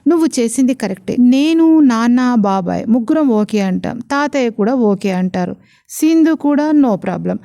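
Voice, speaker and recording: A woman voicing a playful, charming young husband in a storybook romance, with lively, teasing talk. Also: fairly high pitch, normal speed, vocal fry.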